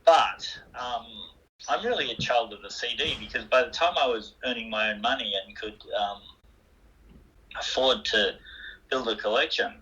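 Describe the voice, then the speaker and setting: A man's voice: mid-range voice, moderate pace, pushed and bright. An older Australian man, a musician guest, chatting casually over the phone in a rambling, self-deprecating way. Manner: rambling, self-deprecating, frequent restarts and fillers. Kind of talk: casual interview chat. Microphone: phone call. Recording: phone-line interview.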